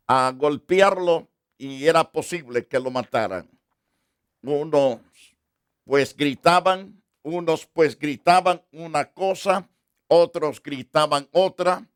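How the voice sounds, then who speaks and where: A man preaching a sermon as pastor, slow and deliberate, with emphatic repetition. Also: fairly high pitch, clear, resonant tone, no echo, studio quality.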